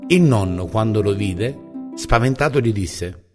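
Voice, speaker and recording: A man narrating a children's story in a calm, measured way. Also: fairly low pitch, music in the background.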